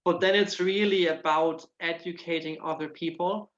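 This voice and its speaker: Heard through a muffled recording, the speaker is a man from Germany, a nutritional therapist appearing as an interview guest. He talks at a moderate pace in a steady, somewhat bright voice on the high side, with a German accent touched by Irish. His casual answers are earnest, with frequent repeated words while he gropes for phrasing.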